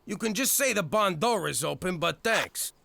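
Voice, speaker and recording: A gravelly New mobster dad. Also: male voice, high-pitched, lively intonation, normal speed, no room sound, full character voice. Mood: grumbling. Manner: brash, shouting, streetwise. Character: loud blustering mobster dad, middle-aged man.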